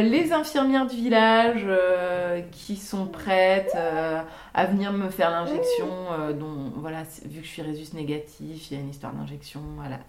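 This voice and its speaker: A young woman and mother telling her own birth stories in an unscripted, hesitant way, with many pauses and fillers. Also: mid-range voice. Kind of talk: unscripted personal testimony.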